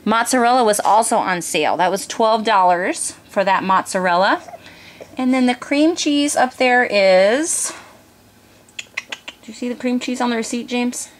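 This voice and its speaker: A woman in her thirties chatting through a grocery haul vlog, reading prices off her receipt with pauses and fillers, filmed on a handheld camera in her home kitchen. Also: a little high, expressive. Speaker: homeschooling mother and vlogger.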